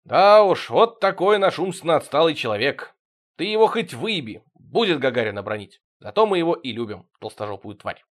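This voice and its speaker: A man voicing a brash, crude young friend who shouts a lot in a comic story. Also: fairly high pitch, big pitch swings, moderate pace. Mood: rowdy. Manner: loud, shouting.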